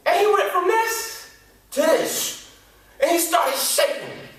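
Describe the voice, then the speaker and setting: Animated high-voiced American man in an echoey hall. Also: takes it slowly. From Detroit, USA. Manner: animated, slangy, repeats for emphasis. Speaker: youth speaker. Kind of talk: motivational storytelling talk. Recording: echoey hall, distant mic.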